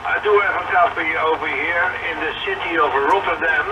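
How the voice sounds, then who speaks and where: A man making a ham radio call over a shortwave link, halting with many pauses and spelling call signs phonetically. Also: on the high side, roomy sound. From Netherlands. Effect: heard over a shortwave radio link. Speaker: radio operator. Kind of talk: radio contact calling stations. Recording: muffled distant radio with heavy static.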